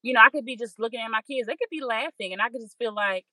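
A woman's voice: on the high side, quick pace, pushed and bright, no echo, low-quality recording. A young woman guest on a podcast, openly and reflectively telling a personal story and acting out the thoughts in her head. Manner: open, reflective, acts out her own inner voice. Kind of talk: candid conversational storytelling.

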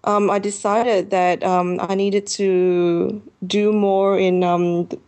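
Slow, hesitant woman travel author. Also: mid-range voice, little pitch movement, a little mellow. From Malaysia. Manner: hesitant, many pauses and fillers. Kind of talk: interview answers. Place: her apartment.

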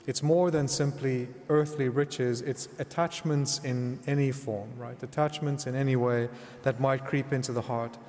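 A man speaking as a priest in church, reading scripture and preaching in a measured, reflective manner. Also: mid-range voice, darkish tone. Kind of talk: Gospel reading and homily. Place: large reverberant church indoors. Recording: long cathedral-like echo, reverberant church hall.

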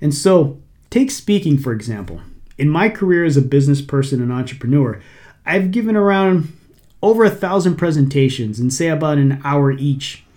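Man, middle-aged podcast host, casual and motivational, a touch sarcastic, slightly higher voice. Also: animated, moderate pace, a little mellow. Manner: conversational, lightly sarcastic, motivational. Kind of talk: casual solo podcast talk.

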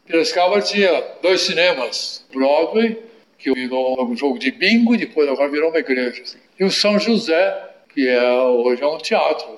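A man in his eighties reminiscing in an interview, telling stories in an unhurried way with tag questions. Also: on the high side, lively intonation. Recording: echoey room.

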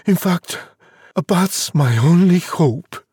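A man voicing an excitable young boy hero in a storybook, with squeaky, breathless exclamations. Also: slow, breathy edge, no room sound, studio quality, full character voice. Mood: scheming.

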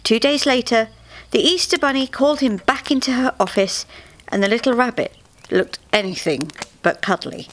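At a live reading in a small theatre, a woman expressively narrates a scripted comic story as a storyteller. Her voice is fairly high and a bit bright, moving at normal speed, and the recording carries faint noise.

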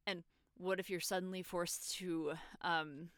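A young woman acting a guilt-ridden former soldier who confesses by phone, talking haltingly, swearing, and sliding toward panic. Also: lowish voice, fairly even intonation, fairly bright tone, dry recording, studio quality. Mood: reflective. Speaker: caller confessing to a priest. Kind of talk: audio drama acting.

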